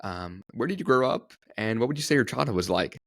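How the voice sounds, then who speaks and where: A man's voice: fairly low pitch, expressive, brisk, gravelly, a bit bright, no room sound, clean studio sound. A man hosting a podcast, asking questions in a friendly, affirming way. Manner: friendly, affirming with brief interjections. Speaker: podcast host. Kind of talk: interview hosting.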